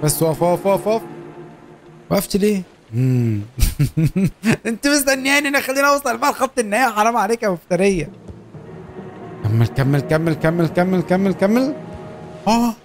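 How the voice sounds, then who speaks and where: A young man with an Egyptian Arabic accent giving excitable, joking commentary as he plays a game. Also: high-pitched, fairly quick, long pauses, soft background music. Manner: excitable, joking, urging his character on. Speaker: gaming YouTuber. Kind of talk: Let's Play commentary.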